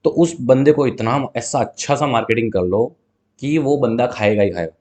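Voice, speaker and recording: A man's voice: medium pitch, normal speed, darkish tone. A man, a guest telling a story in a casual interview. He talks animatedly, acts out both sides of talks with customers, and mixes in English words. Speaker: guest, burger seller.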